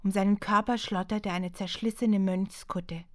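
A woman narrating her own historical novel in a calm, measured voice. Her mid-pitched reading sits close to the mic in a dry, dead room. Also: no room sound. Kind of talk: audiobook narration.

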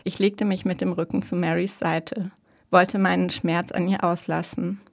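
Gravelly low-voiced woman narrator. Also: little pitch movement, moderate pace. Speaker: audiobook narrator. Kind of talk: scripted narration.

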